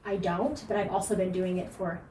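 A woman's voice: fairly low pitch, steady tone, a little fast, warm tone, echoey room. Woman fitness podcast host, emphatic and earnest, distant mic with faint noise. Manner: emphatic, earnest, frequent fillers and laughs. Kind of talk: casual podcast advice.

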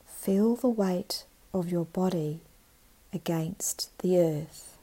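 Female meditation narrator: calm and meditative, slightly low pitch, very slow delivery, soft and breathy. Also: low-quality recording. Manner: calm, meditative tone with long pauses. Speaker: meditation guide.

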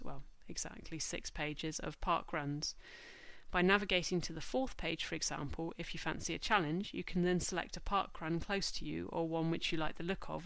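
A female podcast host reads from a script, sounding slightly stuffed up from a cold. Her fairly low, fairly bright voice is recorded dry and close to the mic, and her measured, informative delivery slows right down whenever she reads out lists.

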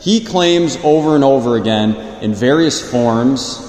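Brief: male priest, slow and measured delivery, mid pitch, big cathedral echo with long reverb tail. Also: lively intonation, a little mellow. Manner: slow and measured, with loose fillers when preaching. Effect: echoing church reverb. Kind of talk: Gospel reading and homily at Mass. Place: large church. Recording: roomy hall with long reverb.

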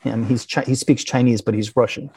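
Man, interview guest; halting, filler-heavy delivery; middle pitch, dry room. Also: fairly even intonation, warm tone, slightly rough, dry recording. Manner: halting, many restarts and fillers. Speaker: interview guest, business owner. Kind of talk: conversational interview.

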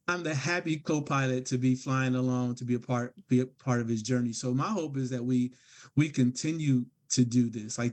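A middle-aged man talks as a guest on a podcast, his voice at an ordinary middle pitch. He tells stories earnestly and reflectively, often restarting his sentences. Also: a little mellow. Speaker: guest author. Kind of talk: podcast interview.

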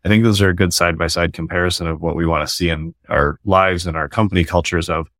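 Deep and steady, slightly bright, and quick, the voice belongs to an American man appearing as a guest author and company founder on a casual podcast. He explains his ideas earnestly and keeps restarting his sentences. It's a dry, studio-quality recording.

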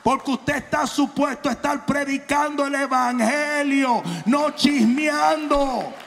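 A man preaching a challenging, confrontational sermon with humor, shouting for emphasis and slowing on key phrases, with English phrases mixed in. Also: extremely high pitch, steady tone, creaky, soft background music. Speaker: pastor. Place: large church hall. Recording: long hall reverb.

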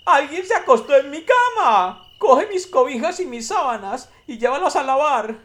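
A whiny little bear cub from a comic storybook tale, as a man puts him on, squeaky and shrill, way above a normal speaking voice. He whines loudly, a bit away from the mic. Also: big pitch swings, normal speed, full character voice. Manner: squeaky and whining.

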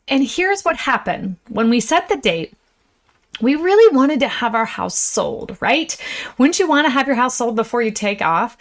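A woman hosting a motivational podcast from inside an RV, talking in an animated, exclamatory, chatty way with folksy y'alls. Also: on the high side. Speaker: podcast host. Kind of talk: enthusiastic casual motivational monologue.

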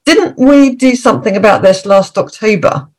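A woman's voice: medium pitch, normal speed. A woman hosting a podcast interview, putting questions to a guest. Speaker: podcast host.

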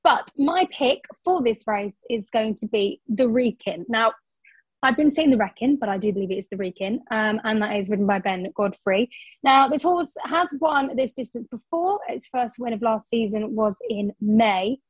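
A woman's voice: on the high side, expressive, moderate pace, slightly rough, no room sound, poor audio. A young woman co-hosting a racing tips podcast, chatty and full of ums, correcting herself as she goes. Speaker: racing tipster co-host. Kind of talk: casual podcast chat.

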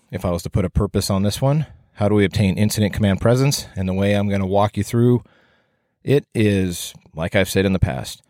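Guy rambling on his solo podcast, kinda low voice, plain spoken, you can hear him breathing, dry close mic. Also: a little mellow, no room sound. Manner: audible breathing into the microphone. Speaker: podcast host and firefighting instructor. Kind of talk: informal solo podcast talk from handwritten notes. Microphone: close microphone.

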